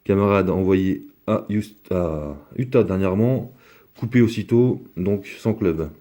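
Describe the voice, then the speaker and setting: Man, deep dark voice, casual unboxing chat, rambling, lots of fillers. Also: unhurried. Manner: rambling, chatty, many fillers. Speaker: card collector opening a box.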